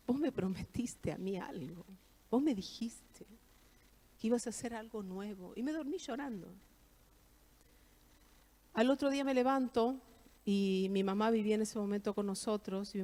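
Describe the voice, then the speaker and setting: A woman's voice: medium pitch, a little mellow. Argentine woman sharing a heartfelt testimony. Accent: Argentine Spanish. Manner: heartfelt, emphatic repetitions. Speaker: guest speaker giving testimony. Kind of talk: church testimony. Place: church service.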